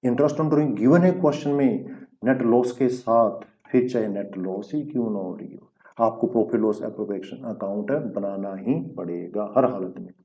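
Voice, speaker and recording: A man's voice: lowish voice, normal speed, dark tone, highs cut off. A man teaching an accountancy lesson, explaining rules step by step, asking checking questions and mixing English terms into his talk. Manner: mixes English terms into Hindi speech. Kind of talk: recorded classroom lesson.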